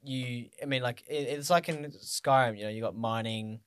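A man's voice: mid-range voice, moderate pace, smooth, dry recording. A man co-hosting a casual chat, eager and chatty, swearing now and then.

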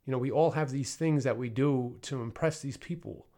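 A man's voice: medium pitch, normal speed, dark tone. Man in his thirties, casual podcast monologue, candid, rambling, lots of fillers and restarts. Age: 30s. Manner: candid, rambling, frequent fillers and self-corrections. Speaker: podcast host.

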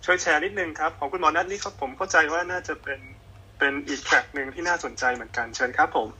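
A man moderating an online panel, polite and quick, thanking and introducing speakers. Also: a little high, bright, forceful tone, slightly rough, rough recording.

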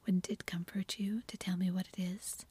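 A woman's voice: fairly low pitch, level tone, normal speed, darkish tone, husky. A woman voicing a spirited young woman caring for her sister, in a tender whispered role-play. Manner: tender, coaxing.

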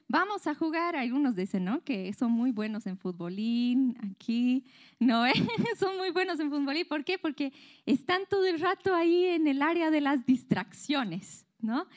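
Young woman, high voice; chatty youth preacher who quizzes the room. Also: expressive, normal speed. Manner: conversational, asks the audience questions, acts out inner voices. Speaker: youth speaker. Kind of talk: youth sermon to a live group.

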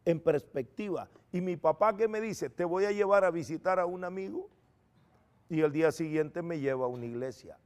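A middle-aged man, a preacher, telling his personal testimony in an earnest, animated storytelling manner. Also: fairly high pitch.

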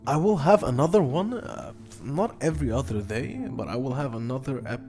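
A man hosting a casual solo sports betting podcast in halting, hesitant speech, often stopping and repeating himself. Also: medium pitch, a little mellow, soft background music. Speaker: podcast host.

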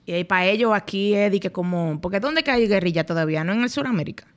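A medium-pitched, fast-talking young woman from the Dominican Republic appears as a podcast guest. She tells her story bluntly and candidly in everyday colloquial speech.

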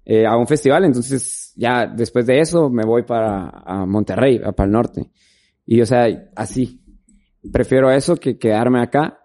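A videographer guest chats casually in an interview, rambling through stories and leaning heavily on filler words. His mellow voice sits at a medium pitch, and he talks a little slowly.

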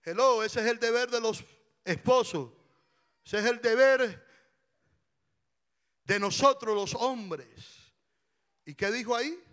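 Male pastor, slow deliberate sermon delivery, bright ringing tone. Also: extremely high pitch. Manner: passionate preaching, shouting at peaks.

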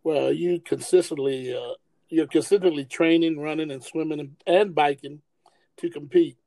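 A man's voice: a little high, steady tone, moderate pace, mellow, dry recording, low-quality recording. A man hosting a podcast interview, asking friendly questions with some hesitant restarts. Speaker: podcast host.

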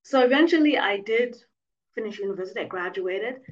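A woman's voice: mid-range voice, animated, brisk. A woman from Zimbabwe, a guest in a casual remote interview, telling her story in a reflective, chatty way with many fillers. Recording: distant, dull lo-fi remote call audio.

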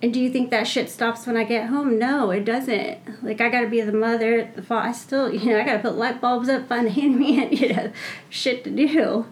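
A woman's voice: on the high side, fairly even intonation, normal speed. Blunt, swearing woman in her thirties. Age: 30s. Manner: blunt, heavy swearing, ranting. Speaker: podcast co-host. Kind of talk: casual podcast chat.

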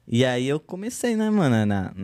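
A man in his thirties, a guest artist in a relaxed podcast chat, telling his story with slang and lively quoted speech. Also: mid-range voice, normal speed, dry recording. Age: 30s.

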